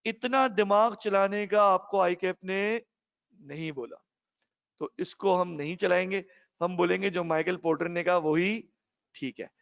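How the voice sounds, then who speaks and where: A male teacher lectures a class in a high voice. He keeps putting questions to his students and calls them "beta". The sound is muffled and rings with a long reverb. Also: unhurried, gravelly, fairly bright tone.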